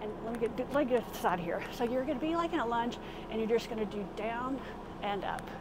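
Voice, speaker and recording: A woman's voice: fairly high pitch, fast talker. A middle-aged woman giving a casual, informal workout demonstration as a fitness instructor while she exercises, recorded inside a small RV from a few steps away. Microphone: camera a few steps away. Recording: clearly noisy vehicle interior sound.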